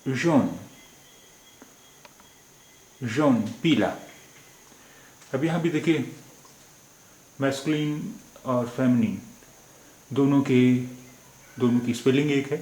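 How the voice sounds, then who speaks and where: Man teaching a language lesson, very slow, drilling words over and over, echoey room. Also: medium pitch, steady tone, warm tone. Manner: repeats each word slowly, then gives its meaning.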